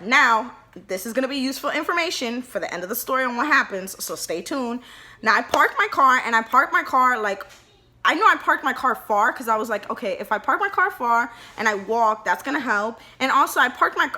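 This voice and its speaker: Chatty bright-voiced young woman. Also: a little high. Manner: chatty and animated, many "like" fillers, acts out dialogue. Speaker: vlogger telling her birth story. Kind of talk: casual storytime.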